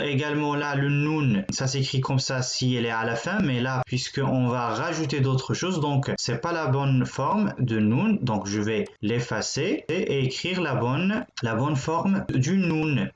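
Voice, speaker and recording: A man teaching a language lesson, patiently explaining step by step while he writes, and repeating each word slowly several times. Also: mid-range voice, echoey room, lo-fi sound. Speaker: Arabic teacher.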